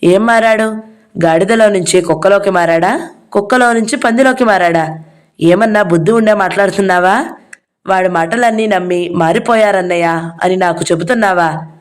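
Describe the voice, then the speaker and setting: A woman voicing a quick-tempered young man who shouts and hurls scornful insults at his sister's husband. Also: medium pitch, natural voice.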